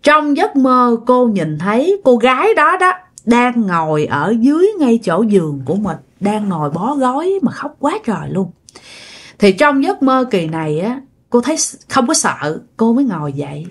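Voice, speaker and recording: A woman's voice: a little high, big pitch swings, moderate pace, slightly rough. A woman narrating a ghost story in a conversational way, speaking directly to her listeners.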